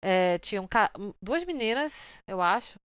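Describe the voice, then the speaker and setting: A woman from Brazil chatting casually and telling lively stories, acting out what people said. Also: mid-range voice, a little slow, smooth, dry recording. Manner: lively storyteller, acts out quoted lines. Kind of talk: casual chat.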